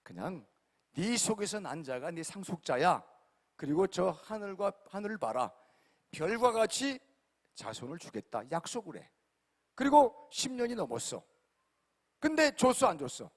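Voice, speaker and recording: A male pastor preaching an emphatic sermon, repeatedly questioning his congregation and swinging between loud and quiet. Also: high-pitched, sing-song, normal speed, pauses often. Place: large church sanctuary. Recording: long hall reverb.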